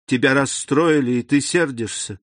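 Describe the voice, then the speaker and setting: A man's voice: medium pitch, normal speed, a bit bright, no room sound, studio quality, lightly acted. A man reading an audiobook, voicing an anxious young woman who pleads with her grandfather. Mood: pleading.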